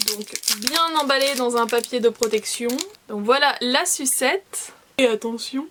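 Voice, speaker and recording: A young woman chatting playfully through a casual snack-tasting vlog, self-mocking and lively. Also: on the high side, a little slow, a little hiss or hum. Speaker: beauty and food vlogger.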